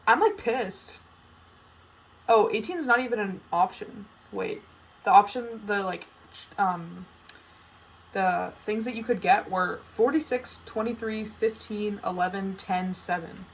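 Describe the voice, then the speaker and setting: On the solo podcast she hosts, a teenage girl speaks in an unhurried mid-range voice, casual and playfully dramatic, leaning on lots of fillers. The low-quality recording carries slight background noise.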